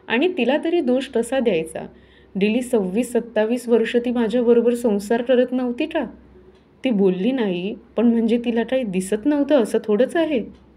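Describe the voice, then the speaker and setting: A woman reading a horror novel aloud in a measured, clear, steady storytelling manner. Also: a little high. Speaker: audiobook reader.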